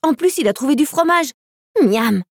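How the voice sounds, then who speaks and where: A woman's voice: medium pitch, fairly even intonation, moderate pace, mellow, dry recording, studio quality, close to an everyday voice. A woman voicing a greedy male puppy who is always hungry, with a whiny, food-obsessed manner. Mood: hungry whine.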